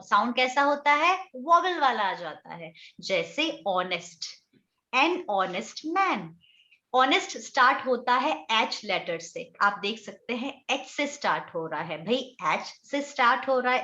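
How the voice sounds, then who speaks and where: A woman's voice: fairly high pitch, sharp tone. An Indian woman teaching English grammar to a class, explaining step by step and often checking whether the students understand. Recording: echoey classroom, dull lo-fi sound.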